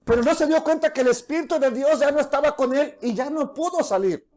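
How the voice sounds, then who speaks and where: A man's voice: very high-pitched, a little fast. Male pastor, earnest sermon delivery with frequent restarts. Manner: earnest preaching with frequent restarts, acts out soft quoted voices.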